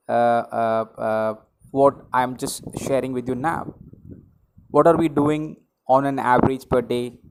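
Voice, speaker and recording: Middle-aged Indian English male trainer, unhurried, emphatic teaching delivery on a close earphone mic. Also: medium pitch, slight background noise, poor audio. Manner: slow and emphatic, repeats key words, asks rhetorical questions. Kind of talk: spoken English lesson to camera. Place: small room indoors with a ceiling fan. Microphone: wired earphone mic held near mouth.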